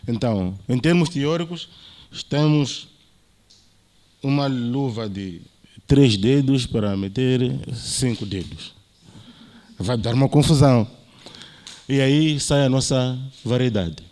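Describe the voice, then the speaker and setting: A man's voice: mid-range voice, slow pace, pauses often, darkish tone. A man with a Mozambican Portuguese accent, a university lecturer giving an academic talk and explaining points with frequent tag questions.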